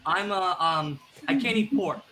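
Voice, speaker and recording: A man chats loosely on a streamed podcast, circling back with fillers and restarts and poking fun at himself. His voice sits a little high and sounds very bright. A faint hiss runs under the stream. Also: a little slow. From Italian family background. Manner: rambling, self-deprecating, many fillers and restarts. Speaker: podcast co-host. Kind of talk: casual chat.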